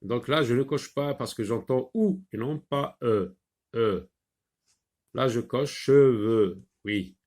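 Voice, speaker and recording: A man teaching young children from a reading workbook, slowly sounding out words and repeating each sentence with patience. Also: medium pitch, darkish tone.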